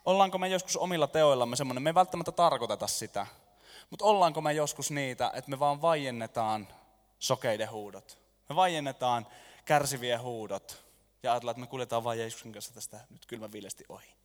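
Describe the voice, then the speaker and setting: A man preaching a lively sermon to a congregation, jokey and animated, staging a skit with volunteers. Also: mid-range voice. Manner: animated, jokey, lets the room laugh. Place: church hall. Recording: long reverb of a large hall.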